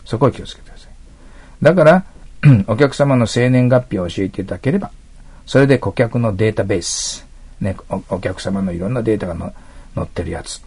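Gravelly low-voiced man teaching English. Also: fast talker, a little mellow. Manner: explains step by step, asks listeners to mark text. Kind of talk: exam prep lecture.

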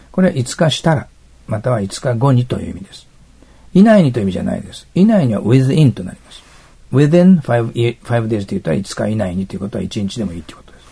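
A man with a low, gravelly and very husky voice gives an explanatory test-prep lecture. He reads English example sentences slowly and deliberately. Between examples he adds chatty asides and quick rhetorical checks. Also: mellow. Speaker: English teacher.

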